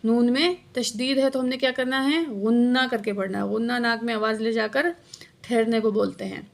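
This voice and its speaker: Patient woman teaching tajweed, gravelly voice. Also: a little high, fairly even intonation. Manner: patient, explaining letter by letter; slow drawn-out recitation of verses. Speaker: Quran recitation teacher. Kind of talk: word-by-word tajweed lesson with slow recitation.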